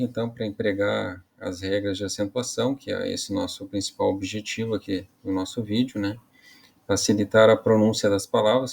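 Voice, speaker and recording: A Portuguese teacher with a low, gravelly, slightly mellow voice gives an online grammar lesson. He explains casually, sprinkling in "né" and "tá," and often stumbles into restarts.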